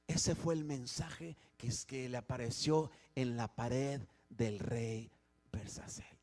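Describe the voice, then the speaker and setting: A man preaching a sermon as pastor in a church, swinging from hushed, quiet passages to loud emphatic ones and often repeating and restarting his phrases. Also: medium pitch, slow pace.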